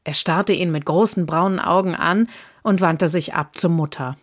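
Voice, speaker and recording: A woman narrating a historical novel as an audiobook in a calm, measured way. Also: fairly low pitch.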